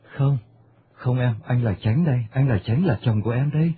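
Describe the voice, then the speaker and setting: A man's voice: medium pitch, normal speed, husky. A man voicing a grieving, emotional husband in a radio play, choked and polite, over a tinny broadcast. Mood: anguished.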